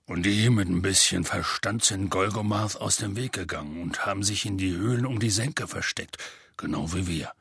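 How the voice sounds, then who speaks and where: A man voicing a huge, gruff half-giant gamekeeper in an audiobook, telling his story in a rough, folksy way. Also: normal speed, a bit bright, no echo, clean studio sound, exaggerated voice. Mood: gruff storytelling. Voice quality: deep and gravelly. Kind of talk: audiobook character voice.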